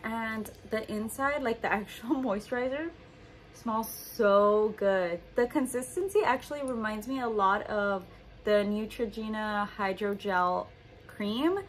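In an unhurried, medium-pitched voice, a young vlogger in her twenties talks casually to the camera in her home's living room and bedroom. There's a little hiss or hum, and her cheerful chatter is peppered with "like" and "just."

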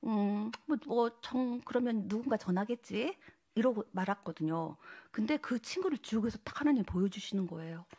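A woman evangelist giving an emotional testimony sermon, speaking earnestly and sometimes dropping to a soft whisper. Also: medium pitch, normal speed, hardly any pauses, slightly rough.

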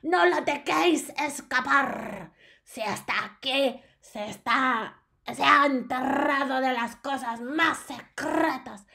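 A woman reading aloud and voicing a domineering old witch leader who barks harsh, scornful orders in a gravelly voice. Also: high-pitched, takes it slowly, bright, forceful tone, heavily acted. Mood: commanding. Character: domineering old female Grand High Witch, fierce. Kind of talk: storybook reading.

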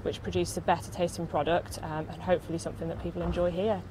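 A woman from a farm answering interview questions outdoors by a catering stand, measured, with fillers. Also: fairly low pitch, flat delivery, dark tone, slight background noise, rough recording.

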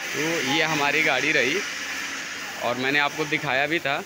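Touring a factory's workshop and yard as a vlogger, an Indian man narrates in a loose, repetitive way while holding his phone. His voice is a little high with little pitch movement, at a moderate pace, and the setting is very noisy.

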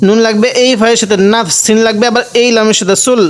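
A man with a Bangladeshi Bengali accent teaching Quran reading, spelling out each letter and vowel mark and then reciting the words slowly, asking his own questions and answering them. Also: high-pitched, steady tone.

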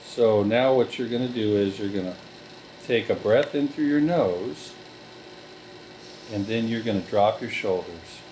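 A man leading a relaxation group through guided breathing, giving slow, calm step-by-step directions. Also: on the low side, slight background noise.

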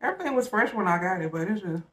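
A woman's voice: medium pitch, sing-song, very fast, distant mic, low-quality recording. A woman hosting an eating show, chatting casually in a laid-back, slangy way while chewing her food. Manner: laid-back, slangy, talks to viewers as "y'all". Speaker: mukbang host.

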